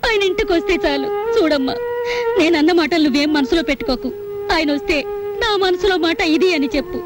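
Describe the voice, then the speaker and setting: A woman's voice: very high-pitched, brisk, heavy background noise. A woman acting an anxious, melodramatic married woman. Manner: pleading, melodramatic. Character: anxious married woman, jealous then pleading. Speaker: wife in a film. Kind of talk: 1980s Telugu film acting.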